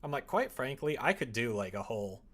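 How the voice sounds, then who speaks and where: Here a man speaks at medium pitch in a brisk, sing-song way. He's streaming, chatting loosely and musing aloud as he works his way through a tutorial. The audio is clear, though background noise and typing on a keyboard can be heard.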